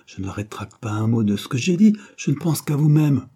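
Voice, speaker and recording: A man voicing a devoted but cautious young man, reasoning earnestly in a storybook reading. The voice is husky and dark, measured and sincere. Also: mid-range voice, expressive, pitched above the performer's own voice.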